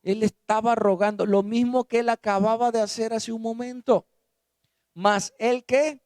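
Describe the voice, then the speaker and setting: A man preaching a sermon as pastor. He keeps asking the congregation rhetorical questions and swings between quiet low passages and loud emphatic ones. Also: steady tone, measured pace, clear, resonant tone, dry recording, clean studio sound.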